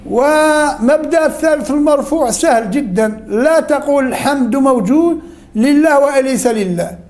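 This male teacher speaks with a very high voice, lively intonation, and a darkish tone while leading an interactive lesson. He shoots questions at students, praises or fixes their replies, and slowly reiterates the core ideas.

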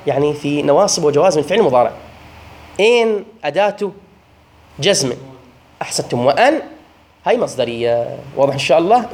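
High-voiced Iraqi man teaching grammar. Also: a little mellow. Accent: Iraqi Arabic. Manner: explanatory, repeats and checks understanding often; drawn-out stresses on example words. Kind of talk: classroom grammar lesson.

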